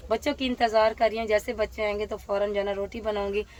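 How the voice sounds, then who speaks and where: A woman's voice: mid-range voice, level tone, quick pace, a little mellow, slight background noise. Woman, sore throat; chatty, step-by-step narration of chores, outdoor courtyard with faint ambience. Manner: chatty, explaining each step, often says "jo hai na". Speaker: village family vlogger. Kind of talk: casual narration of household chores. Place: outdoor village courtyard in fog and wind.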